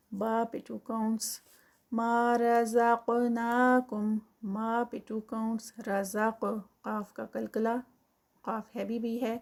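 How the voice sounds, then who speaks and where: A woman teaching Quran recitation. She chants verses slowly and drawn out, then explains the rules quickly, mixing in English counting terms. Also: a little high, warm tone. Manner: mixes English counting terms into her speech.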